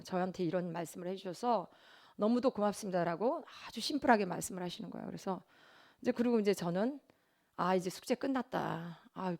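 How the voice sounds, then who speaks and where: A woman with a gravelly, creaky voice of middle pitch shares a testimony in a sermon. She tells her story earnestly, in a confessional tone. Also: darkish tone. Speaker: lay preacher giving a testimony. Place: church.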